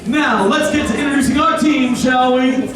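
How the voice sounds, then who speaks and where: A man's voice: very high-pitched, moderate pace, a bit bright, some chatter behind. A man playing a flamboyant, sardonic villain who hosts a live game show as a theatrical, taunting showman. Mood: showy. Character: flamboyant, sardonic male villain host Pegasus. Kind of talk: live stage show announcing. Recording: echoey hall from far off, background noise.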